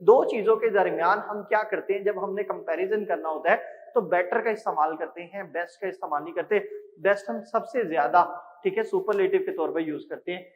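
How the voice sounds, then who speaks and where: A man teaching English grammar in a classroom lecture, explaining step by step and reading example sentences slowly. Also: sits high. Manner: explains step by step, often adds "ठीक है" and "जी". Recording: tinny phone-like sound with long reverb.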